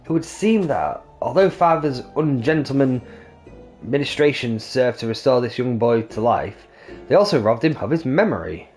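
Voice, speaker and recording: A man doing Hildibrand, pompous gentleman inspector. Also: medium pitch, expressive, moderate pace, soft background music, close to an everyday voice. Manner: florid, theatrical, self-important.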